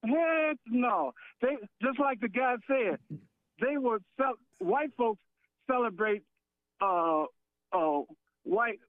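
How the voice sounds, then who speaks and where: A man from Michigan calling in to a radio show, arguing in a combative, halting and insistent way. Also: very high voice, lively intonation, no echo. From Michigan, United States. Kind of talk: live argument as a call-in radio caller. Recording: narrow-band phone line over radio.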